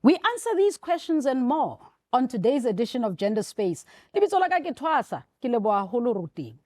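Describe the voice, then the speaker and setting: A woman's voice: on the high side, very animated, fast talker, darkish tone. A woman with a South African Sotho accent, presenting and interviewing as a talk show host.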